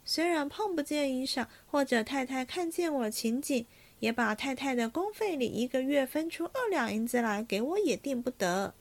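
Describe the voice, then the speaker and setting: A woman voicing a sharp-tongued, proud young maid who speaks with scornful indignation. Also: high voice, expressive, normal speed, creaky, hardly any pauses, voice pushed up, heavily acted. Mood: mocking.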